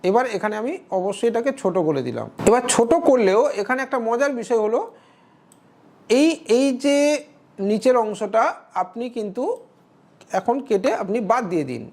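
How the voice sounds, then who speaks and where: A woman's voice: a little high, expressive, a little fast, darkish tone. A woman narrating a step-by-step screen tutorial, instructive, often checking in with the viewer. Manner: instructive, keeps checking in with "okay?". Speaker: tutorial creator.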